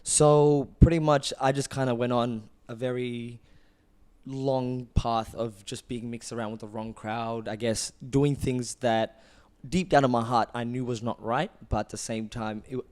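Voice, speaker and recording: A man's voice: mid-range voice, steady tone, a little slow, darkish tone, smooth. A man in his twenties, originally from Ethiopia, earnestly and reflectively telling his own story as a clothing brand founder on a casual podcast. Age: 20s.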